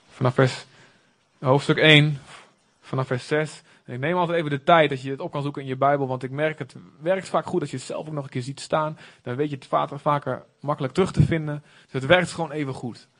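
An earnest male preacher delivers a sermon in a conversational, emphatic way. His voice sits a little higher than most men's. He speaks with warm directness to his listeners. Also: steady tone, fairly quick.

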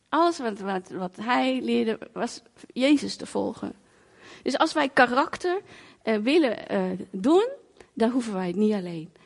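A woman giving a sermon as a lively personal story, with many fillers, acting out voices and sounds in a conversational way. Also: on the high side. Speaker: preacher.

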